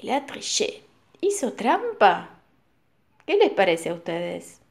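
Animated woman reading to small children. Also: medium pitch. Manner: slow, animated, sing-song storytelling. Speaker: teacher reading to young children. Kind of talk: read-aloud children's story.

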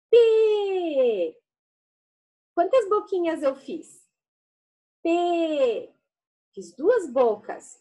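Slow sing-song woman teacher, breathy voice. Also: fairly high pitch, mellow. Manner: affectionate, coaxing. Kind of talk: remote literacy lesson for young children.

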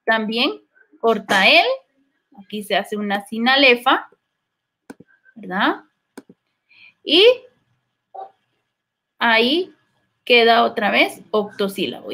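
Guatemalan lady teacher, talks slow n patient, keeps asking the class if they follow. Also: high-pitched, fairly bright tone. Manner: slow, step-by-step explaining with frequent "¿verdad?". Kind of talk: classroom lesson.

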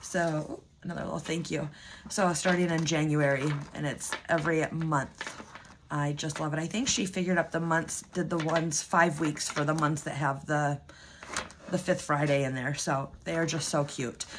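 Against a noisy background, a budgeting vlogger in her thirties talks casually to camera at home in a low voice with fairly even intonation and moderate pace. She's losing her voice, and her talk meanders with ums and restarts.

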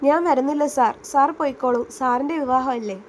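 A woman's voice: sits high, normal speed, lightly acted. A woman voicing a hurt, heartbroken young woman in a spoken romance story. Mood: refusing. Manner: hurt, pleading.

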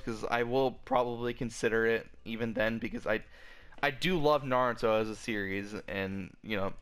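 A man's voice: medium pitch, fairly bright tone. A man delivering a frustrated, profane rant about a video game, stumbling and restarting often, his voice cracking. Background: faint background music.

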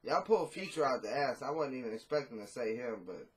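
Speaking fast with lively intonation in a mid-range voice, a thirtysomething rapper gives a laid-back, profane, blunt interview. He's on a video call from a small room in his home.

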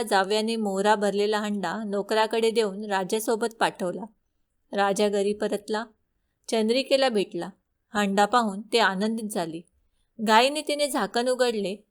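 A woman storyteller narrating a devotional folk tale in a steady, measured reading. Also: mid-range voice.

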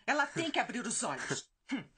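An actress playing an older mother in a dubbed telenovela, confiding gossip to her son in an animated way. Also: on the high side, normal speed, breathy edge, exaggerated voice.

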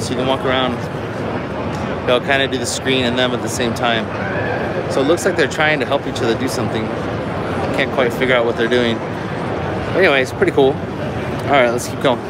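A man hosting a live walkthrough vlog, chatty and easily excited, commenting as he walks a big busy expo floor. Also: medium pitch, heavy background noise. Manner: excitable, chatty, lots of "so" and "cool". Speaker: vlog host.

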